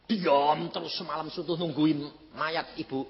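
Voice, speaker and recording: A male pastor preaching and telling a personal story, jumping between loud outbursts and near-whispers. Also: on the high side, fairly even intonation, measured pace. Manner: dramatic, swinging from shouts to near-whispers. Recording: reverberant hall, slightly dull sound.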